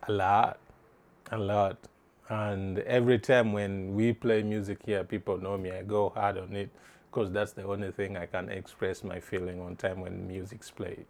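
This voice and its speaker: A middle-aged East African man answers interview questions haltingly, restarting phrases as he searches for words. His voice sits low and is creaky and a little mellow, with a flat delivery.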